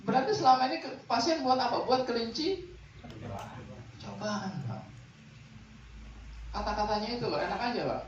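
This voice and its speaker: A man gives a training lecture on back massage, lively and rhetorical, often quizzing his audience. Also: very high voice, moderate pace, pauses often. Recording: echoey hall, distant mic, dull, faint noise.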